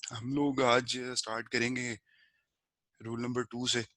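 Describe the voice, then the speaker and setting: A man talks through a spiritual lesson the way a teacher explains to friends, unhurried and conversational, now and then dropping in English words. His voice sits at an ordinary middle pitch. The recording is dry and close, with no room sound. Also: level tone, pushed and bright, no room sound. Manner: slow measured recitation of a prayer verse.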